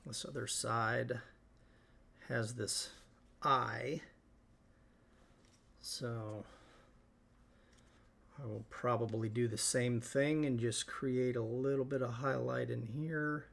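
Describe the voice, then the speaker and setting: Male host, gravelly, mid-pitched, relaxed live painting tutorial. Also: slow, pauses often. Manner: relaxed, thinking aloud while working.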